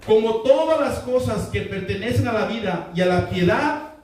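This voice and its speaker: A man's voice: sits high, expressive, normal speed, a little mellow. A male pastor preaching a sermon, repeating his key lines and calling on the congregation to answer. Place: church sanctuary. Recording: echoey hall, voice from far off the mic.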